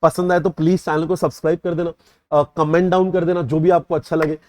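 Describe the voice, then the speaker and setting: A young man teaches at a rapid clip, his voice a little higher than most. The sound is dry and close. He keeps checking that his students have understood. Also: flat delivery, a little mellow, no room sound. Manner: repeatedly checks understanding, mixes English terms into Hindi. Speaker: CA exam tutor. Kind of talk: revision lecture.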